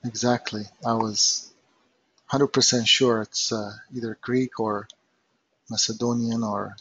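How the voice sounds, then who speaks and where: Husky middle-aged man. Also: medium pitch, level tone, unhurried, a bit bright, dry recording. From northern Iraq. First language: Aramaic. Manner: chatty, hesitant, many fillers. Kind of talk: casual chat. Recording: dull lo-fi dry recording.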